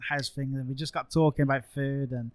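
A man's voice: mid-range voice, steady tone, darkish tone, no echo. A man hosting a casual food chat in an easygoing, agreeable way. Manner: easygoing, quick to laugh and agree. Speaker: podcast host, food blogger.

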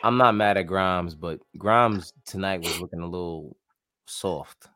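A man co-hosting a casual basketball podcast, animated and slangy, laughing often. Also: deep voice, a little slow. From New York area. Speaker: podcast co-host. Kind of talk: casual sports chat.

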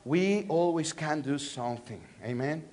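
A man's voice: on the high side, animated, a little slow. A male pastor from Mexico City with a Mexican Spanish accent, preaching a sermon with call-and-response and repeated phrases. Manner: call-and-response, repeating phrases with swings between loud and soft. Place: church.

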